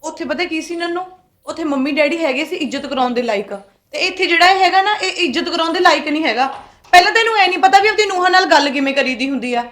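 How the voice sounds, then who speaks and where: A woman's voice: extremely high pitch, expressive, a bit bright. A woman playing a defiant, quarrelsome young wife. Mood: complaining. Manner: fast, argumentative retorts. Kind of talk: village family short-film acting.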